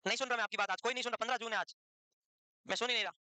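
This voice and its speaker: Between dictated notes, a male teacher scolds, jokes with and teases his students, talking briskly in a high, bright voice. His tone is steady and smooth. The recording is dry and close, with no echo, and the setting is a classroom lecture.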